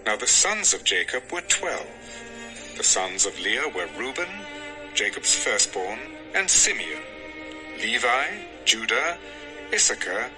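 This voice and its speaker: Here a male narrator performs scripture in dramatic audio fashion, his fairly low voice swinging expressively while keeping a measured pace. Background music is plainly audible beneath him, and the audio quality is poor.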